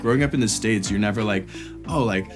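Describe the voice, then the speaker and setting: Casual, hesitant low-voiced man. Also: fast, music in the background. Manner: casual, hesitant with many fillers. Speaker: pop group member.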